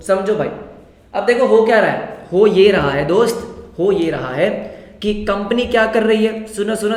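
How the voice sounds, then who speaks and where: A man teaching an accounts class live. He repeats phrases often and keeps urging students to answer quickly. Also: high-pitched. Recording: echoey hall.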